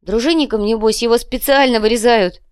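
A flashy, touchy male club manager, raised and bright in pitch and loud in delivery, as a woman narrator puts him on. He grumbles and complains readily. The recording is close and dry. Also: clean tone, no echo, lightly acted. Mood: grumbling. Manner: indignant, quick to complain.

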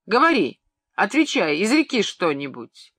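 An audiobook reader voicing a pompous, excitable middle-aged male pharmacist who shouts and rants in outrage, raising the voice high and loud. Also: normal speed, dry recording, clean studio sound. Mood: furious ranting. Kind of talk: audiobook character reading.

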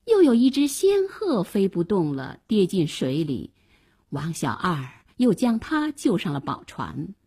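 A woman narrating a children's story slowly and expressively. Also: fairly low pitch, wildly swooping pitch, dark tone, breathy edge.

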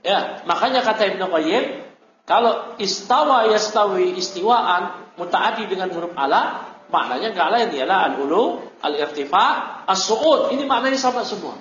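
High-voiced man teaching in an echoey room. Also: lively intonation, moderate pace, fairly bright tone, a little hiss or hum. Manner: explains step by step, repeats terms, quizzes students. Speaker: Islamic teacher. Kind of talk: classroom lecture on Arabic grammar. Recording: roomy, dull lo-fi recording.

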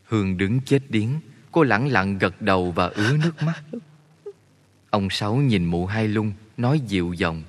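Man narrating a story. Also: lowish voice. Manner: steady, measured storytelling. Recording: long reverb.

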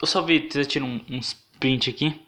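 A young man with a Brazilian accent hosting a casual solo podcast, ranting indignantly with rough swearing and rambling fillers. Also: medium pitch, normal speed, bright, forceful tone, slight background noise. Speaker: podcast host.

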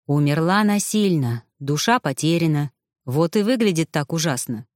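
A woman voicing a calm, patient male mage who coaxes a frightened girl. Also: moderate pace, dry recording, clean studio sound. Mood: calm persuasive. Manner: calm, coaxing, low-pitched.

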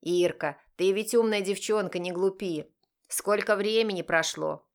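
A woman voicing a grown-up younger brother who talks in a slightly lower, steady, coaxing way. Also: measured pace, lightly acted. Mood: earnest.

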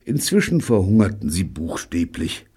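A man's voice: low voice, big pitch swings, moderate pace, warm tone, breathy edge. A man narrating an audiobook in a dry storytelling manner.

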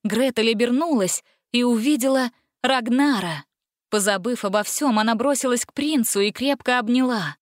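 A woman narrating a fairy-tale audiobook in an expressive, steady reading style. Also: a little high, normal speed, no echo, studio quality. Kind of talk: storybook narration.

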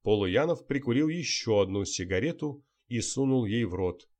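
A man narrates a novel in a steady, unhurried voice of middle pitch. His reading stays even and clear throughout. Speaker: audiobook narrator. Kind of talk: audiobook narration.

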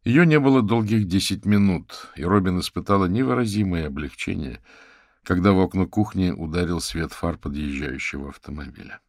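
A man narrates an audiobook in a measured, dramatic manner. His voice sits very low. The recording is dry and close, with no room around it. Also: lively intonation, dry recording. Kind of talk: scripted narration.

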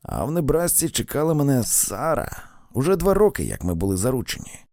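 A man's voice: medium pitch, huge pitch swings, a little fast, dark tone, no echo, clean studio sound. A man reading an audiobook, voicing a male railroad engineer who tells of his adventures and keeps bragging about his luck. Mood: boastful. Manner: storytelling, boastful of his luck.

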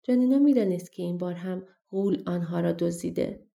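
A woman narrating a fairy-tale audiobook in a steady, even storytelling manner. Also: on the low side, vocal fry.

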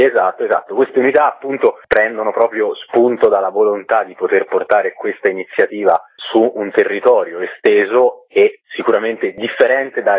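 A guest actor calls into a radio show, and his lowish, husky voice comes through a thin, narrow-band telephone line with no room sound. He explains things in a chatty interview style, doubling up on words to stress his points.

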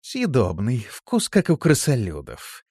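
A man's voice: medium pitch, big pitch swings, a little slow, darkish tone, dry recording, clean studio sound, voice pushed up. A man voicing an icy, hissing demoness. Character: cold, cruel female demon warrior. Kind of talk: audiobook character voice.

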